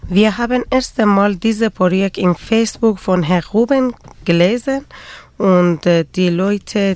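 A woman's voice: mid-range voice, darkish tone. A woman from Afghanistan, a studio interview guest who speaks simple, careful German. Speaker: guest, seamstress in project.

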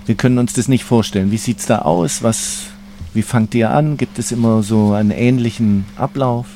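A man with a mellow, dark voice co-hosts a studio interview. He asks friendly questions that encourage his guests, with a faint hiss of noise behind him. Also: mid-range voice, moderate pace. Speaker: co-host interviewer. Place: radio studio.

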